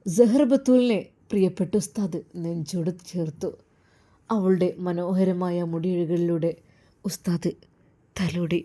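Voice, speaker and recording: Mellow-voiced woman storyteller. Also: fairly low pitch, fairly even intonation, unhurried, pauses often. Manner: emotive, emphatic narration. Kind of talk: dramatic religious story narration.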